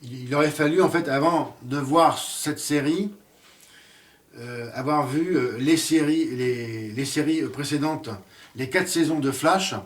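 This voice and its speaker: A man's voice: fairly high pitch, a little slow, recorded from a distance. A man giving a casual spoken series review, hesitant and full of fillers and restarts.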